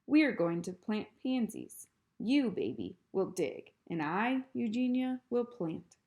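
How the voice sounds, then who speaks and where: A woman voicing a bossy, stern older woman who is prim and easily outraged, speaking in loud, clipped commands for a storybook read-aloud. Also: on the high side, very animated, a little slow, pitched above the performer's own voice. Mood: haughty.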